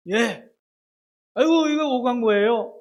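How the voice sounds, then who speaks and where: A man's voice: very high voice, a little slow, voice pushed up. Man doing a polite, effusive church elder. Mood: cheerful. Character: cheerful older church elder, polite and eager.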